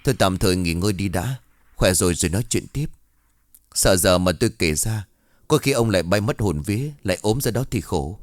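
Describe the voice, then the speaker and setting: A man's voice: deep voice, expressive, brisk, no room sound. A man voicing an earnest young villager who urges and reassures his sick friend. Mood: teasing. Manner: earnest, urging.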